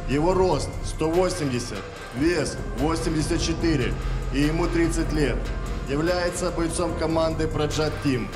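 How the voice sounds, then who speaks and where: A male ring announcer delivers formal fighter introductions in a measured, projected way. His voice sits a little high. It rings through an echoey hall with loud music underneath.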